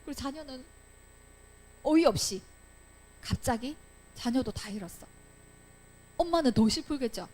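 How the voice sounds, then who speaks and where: Lively, high-voiced woman teaching children. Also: measured pace, long pauses. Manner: animated storytelling, acting out quoted lines, asking children questions. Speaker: Sunday school teacher. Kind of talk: children's Bible lesson. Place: church classroom.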